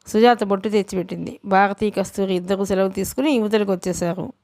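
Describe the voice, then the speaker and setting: A woman's voice: medium pitch, fairly even intonation, fast, a little mellow, no room sound. A woman reading a novel aloud as an audiobook narrator, telling the story steadily and lightly acting the dialogue. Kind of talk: dramatic novel reading, voicing all characters.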